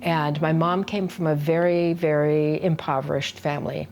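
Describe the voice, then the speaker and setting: A woman's voice: low-pitched, steady tone, normal speed, darkish tone, a little hiss or hum. An older woman teaching solo performance, telling a personal family story in an earnest, reflective, confiding way.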